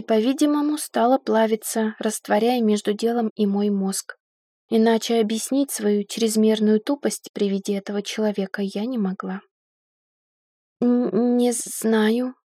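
A woman narrates an audiobook in the first person, telling the story in a lively, ironic way. Her voice is mellow and a little breathy. The recording is close and dry. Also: fairly high pitch, no room sound.

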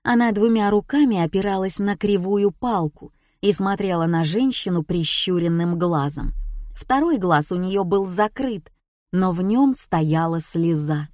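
Slow, lilting woman storyteller. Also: lowish voice, expressive, darkish tone, no echo, studio quality. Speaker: narrator. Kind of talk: folk-tale style narration.

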